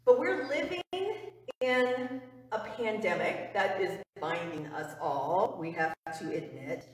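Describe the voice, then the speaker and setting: Middle-aged lady pastor giving a sermon, slow and earnest, mic way off, big echoey church. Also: high-pitched. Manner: earnest, emphatic preaching, dropping to a hush on key phrases. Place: church sanctuary before the altar. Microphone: far camera. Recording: roomy church reverb, far from mic.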